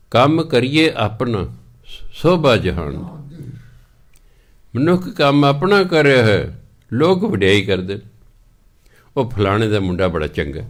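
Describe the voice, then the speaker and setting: A man with a Punjabi accent preaching on scripture, reciting verses slowly and then explaining them, often repeating phrases. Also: on the low side. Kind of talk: scripture exposition sermon.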